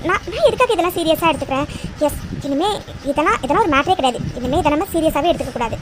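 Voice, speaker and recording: A very high, quick-talking young heroine of a cartoon, played by a woman, jealous and forever muttering that she is perfectly relaxed. Her voice comes with a steady hiss in the background. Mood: fretting. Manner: frets aloud to herself, fast and high. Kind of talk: Tamil cartoon voice acting.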